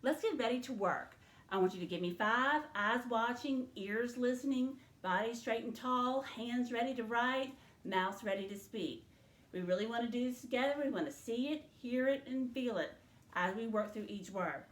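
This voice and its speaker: A woman teacher leading a spelling lesson, slowly and clearly sounding out syllables and letters for her students. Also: fairly high pitch, reverberant. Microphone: in front of a whiteboard.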